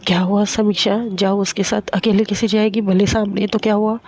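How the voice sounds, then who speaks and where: Casting: woman doing a firm, no-nonsense schoolteacher, mid pitch, storybook telling. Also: level tone, a little fast, a little mellow, close to an everyday voice.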